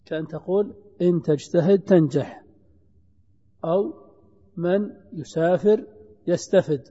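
Higher-voiced man teaching grammar in a hall. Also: mellow, husky. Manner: explains patiently, repeats examples, asks the students questions. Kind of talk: classroom lesson. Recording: dull lo-fi lecture recording in a reverberant hall.

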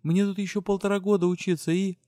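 A woman's voice: medium pitch, level tone, quick pace, dark tone, no echo, studio quality, pitched above the performer's own voice, natural voice. A man voicing a young female academy student who is tearful and touchy, in an audiobook. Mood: pleading. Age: young adult.

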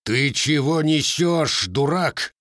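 A man's voice: mid-range voice, animated, a little slow, dry recording, clean studio sound, voice pushed up. A man voicing a stern, barking old Cossack grandfather in an audiobook. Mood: angry.

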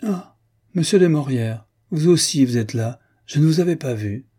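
A man reading aloud voices a cool, calculating society baroness who feigns absent-mindedness. Her voice is pitched up and airy, with a mannered lilt over his husky, mellow tone. It reads like a storybook scene. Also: very animated, moderate pace. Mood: affected surprise.

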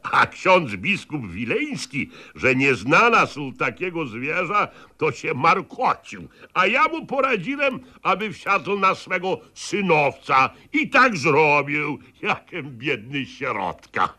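A man's voice: fairly high pitch, sing-song, takes it slowly, hardly any pauses, bright, forceful tone, voice pushed up, exaggerated voice. A man voicing a mocking old-time male prince in a literary reading, lofty and teasing in a declamatory way. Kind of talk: literary reading, archive radio.

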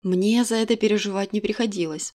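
A woman reading a first-person novel aloud in an expressive, even storytelling manner. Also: mid-range voice, fairly quick. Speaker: audiobook narrator. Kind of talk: scripted first-person narration.

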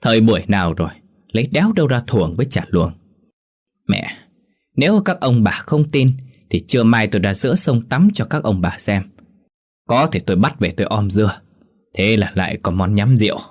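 A man's voice: fairly low pitch, lively intonation, brisk, darkish tone. A man voicing a drunk, brash young village man who slurs and talks crudely. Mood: mocking. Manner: slurred, drawling and crude.

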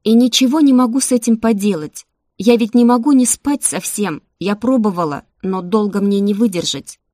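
A woman reading an audiobook, voicing a stubborn young princess who asks sharp, insistent questions. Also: medium pitch, moderate pace, dry recording, studio quality, close to an everyday voice. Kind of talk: audiobook character voice.

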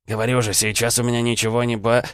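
A man voicing a rough, hard-drinking village patient in an audiobook, grumbling and evasive. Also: mid-range voice, level tone, fast, no echo, studio quality, voice pushed up, natural voice.

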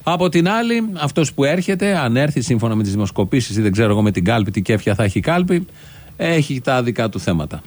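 A man's voice: mid-range voice, sing-song, a little mellow. A man hosting a satirical show, giving scornful political commentary full of rhetorical questions.

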